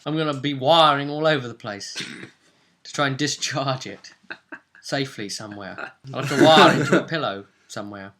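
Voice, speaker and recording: Here a man talks a bit quickly, his mid-range voice fairly bright. He is the host and game master of a tabletop role-play, hamming it up and joking through a casual recap of the story for video viewers.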